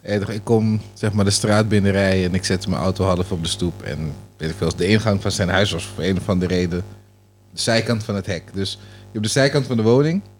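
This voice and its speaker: A man co-hosting a casual podcast, telling stories in a lively way and slipping in English slang. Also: low voice, fairly quick, a little hiss or hum. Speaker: podcast co-host.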